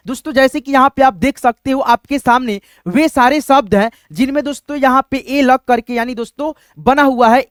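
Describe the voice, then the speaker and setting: A man's voice: very high voice, smooth, no echo, clean studio sound. A male teacher giving a step-by-step English pronunciation lesson, with a repetitive, patient way of explaining. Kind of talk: Hindi-language English lesson.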